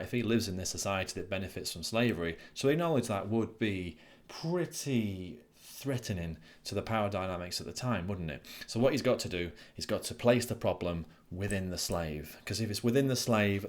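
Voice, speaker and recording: A therapist giving an informal recorded lecture, talking bluntly and conversationally with frequent ums. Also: male voice, sits low. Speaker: person-centred therapist.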